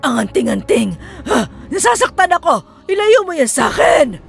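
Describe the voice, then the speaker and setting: A woman's voice: on the high side, sing-song, moderate pace, faint music behind. Lola Tiray, tormented old aswang grandmother. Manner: pleading, moaning, desperate. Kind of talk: animated storybook voice acting.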